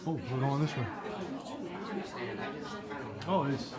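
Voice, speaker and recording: A man's voice: mid-range voice, takes it slowly. A man chatting casually as a tourist, informal and easily amazed. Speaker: tourist filming a visit. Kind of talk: casual chat. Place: cave tour among a group. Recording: loud crowd chatter behind.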